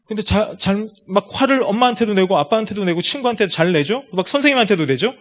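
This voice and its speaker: Man, seminar lecturer, parents' audience, somewhat high voice, explanatory, rhetorical questions. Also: expressive, quick pace, fairly bright tone. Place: lecture room at a school.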